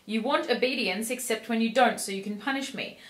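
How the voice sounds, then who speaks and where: A woman's voice: a little high, a little fast, a bit bright, roomy sound, close to an everyday voice. A woman reading the lines of an anxious, confused young woman in a pleading, flustered way.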